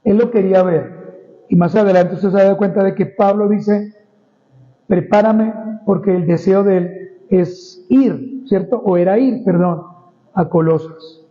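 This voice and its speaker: Slow, mellow-voiced pastor preaching. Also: male voice, sits high, lo-fi sound. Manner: slow, emphatic reading of scripture with repeated address to "hermanos". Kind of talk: expository Bible sermon.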